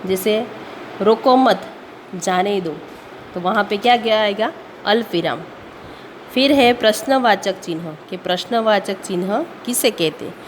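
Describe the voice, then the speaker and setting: A woman teacher explaining a grammar lesson, reading examples slowly and asking the listener rhetorical questions, slipping English words into her explanation. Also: medium pitch. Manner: slow, deliberate reading with frequent pauses and rhetorical questions. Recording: long reverb, faint ambient noise.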